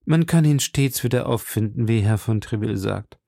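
Male reader doing a commanding, exasperated king, louder and higher than his narration, gravelly. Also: moderate pace, no room sound, studio quality. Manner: imperious, loud, exasperated. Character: irritable commanding king, middle-aged man. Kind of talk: audiobook character voice.

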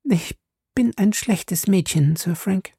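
A proud young woman bristles under questioning, her voice pitched far above the reader's own, as a man reads her part. The delivery is sharp and emotional, with a grainy, gravelly undertone and a dark, mellow timbre. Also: sing-song, moderate pace, dry recording, studio quality, heavily acted. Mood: pleading. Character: sharp young woman, defiant then pleading.

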